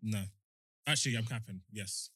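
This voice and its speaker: A man's voice: on the low side, normal speed, sharp tone, no echo, studio quality. A young man with a London accent, co-hosting a podcast in casual chat and reading out figures. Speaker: podcast co-host.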